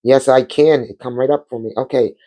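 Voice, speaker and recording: Her voice is bass-deep and warm, fairly even in intonation and a little fast. This channel host chats from her home couch in a casual spiritual vlog, speaking from the heart and repeating words to stress them.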